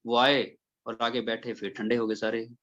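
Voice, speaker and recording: At a satsang, a devotee recounts a devotional experience, acting out each character's lines as he tells it. His voice sits at medium pitch and moves at a moderate pace, and the audio is lo-fi. The retelling is lively and packed with quoted dialogue.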